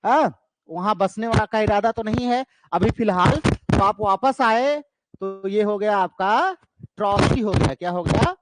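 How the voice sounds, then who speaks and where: A man's voice: high-pitched, measured pace, over music. A man teaching an exam-prep lecture who keeps asking questions and answering them himself, repeating key terms for emphasis. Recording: noisy background.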